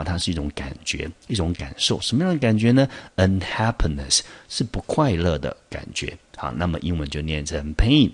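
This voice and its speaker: A man from Taiwan teaching English vocabulary, explaining patiently with many rhetorical questions and reading English examples slowly. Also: low-pitched. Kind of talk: vocabulary lesson.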